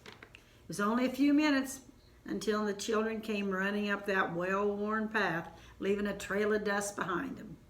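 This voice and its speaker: An older woman with an Ozark accent telling a family story in an unhurried, homespun way, with asides. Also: mid-range voice, echoey room.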